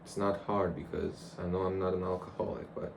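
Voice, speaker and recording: This young vlogger's voice is low-pitched and flat, with a brisk pace. He rambles loosely and conversationally to a camera in a casual, reflective way, over clear background noise.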